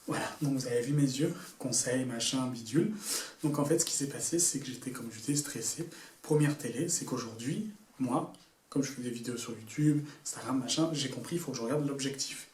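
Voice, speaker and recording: A man's voice: medium pitch, brisk, a little mellow. A young man telling a story to camera in a casual, slangy way, full of asides. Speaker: YouTuber. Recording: echoey room, a bit far from the mic, faint noise.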